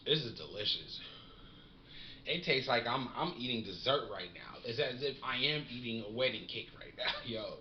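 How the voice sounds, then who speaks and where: A relaxed man in a casual slangy vlog, savoring and reviewing what he smokes. His voice sits at a middle pitch in a roomy space. The recording is dull and lo-fi with a faint hiss underneath. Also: normal speed. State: smoking while talking. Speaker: cannabis reviewer.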